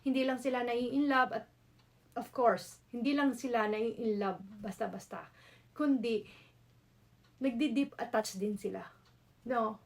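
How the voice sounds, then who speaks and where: A tarot reader from the Philippines gives a casual, chatty reading in a Filipino accent, switching between Tagalog and English and often adding "no?" tag questions. Her voice is on the high side, a little slow, with long pauses.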